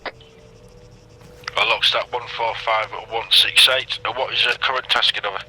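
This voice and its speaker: A man's voice: medium pitch, level tone, measured pace, pushed and bright, breathy edge, rough recording. A man on a game radio transmission, making hesitant, clipped military radio calls as a player on the net.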